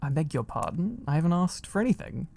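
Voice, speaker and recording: A man voicing a flustered, polite little male hobbit in a storybook, speaking in a stiff, nervous, hurried manner. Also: fairly high pitch, sing-song, creaky, a little mellow, heavily acted. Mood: indignant. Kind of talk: storybook character voice.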